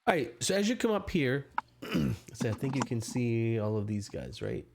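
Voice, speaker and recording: A man working as game master, improvising descriptions of a tabletop scene in a halting way. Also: mid-range voice, sing-song, darkish tone, a little hiss or hum.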